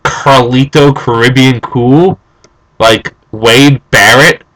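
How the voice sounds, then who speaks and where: An animated young man in a casual vlog, ranting with strong opinions. His voice is an average male pitch, and he moves between excited storytelling and flat, low disdain. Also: slow pace, poor audio. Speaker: vlogger.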